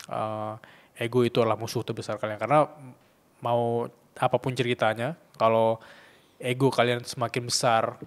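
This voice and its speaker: With a clean, mid-range voice, this podcast co-host in his twenties talks reflectively and casually, drawing on things he has lived through himself.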